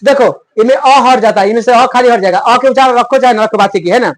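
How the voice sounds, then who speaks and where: A man's voice: very high-pitched, fast talker. A man teaching a Sanskrit grammar lesson in plain, rustic talk. He keeps asking a question and then answering it himself as a drill. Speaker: Sanskrit tutor.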